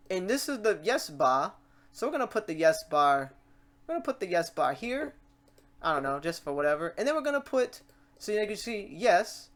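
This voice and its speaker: A woman with a mid-range voice hosts a casual software tutorial, talking animatedly and informally to the viewer in a reassuring way.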